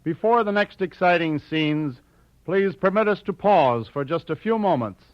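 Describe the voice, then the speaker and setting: Higher-voiced male radio announcer. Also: animated, moderate pace, no room sound. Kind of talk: scripted 1940s radio announcing. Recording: dull old radio recording. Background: music.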